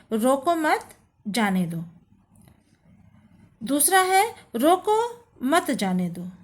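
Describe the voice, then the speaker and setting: A woman teacher walks her students through a grammar lesson at an unhurried pace. Her voice sits a little high, and she leans hard on each example phrase. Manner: slow, deliberate explaining, stresses example phrases. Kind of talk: classroom lesson.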